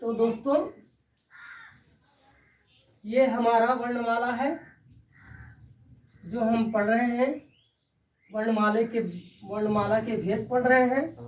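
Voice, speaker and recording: Slow high-voiced woman teacher, echoey room. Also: steady tone, a little mellow, recorded from a distance, a little hiss or hum. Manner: slow, repeats questions and answers them herself. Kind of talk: Sanskrit grammar lesson.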